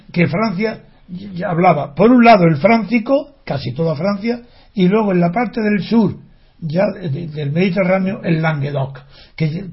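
Older man, high-pitched, holding forth indignantly in a monologue, lots of rhetorical questions and restarts, dull lo-fi sound. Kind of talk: opinionated spoken monologue. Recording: dull lo-fi recording.

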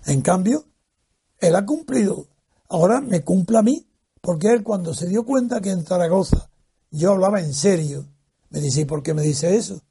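A man's voice: high-pitched, creaky, husky. An older man being interviewed, telling a long personal anecdote and acting out the voices of the people in it. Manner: animated, acts out quoted voices. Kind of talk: storytelling recollection.

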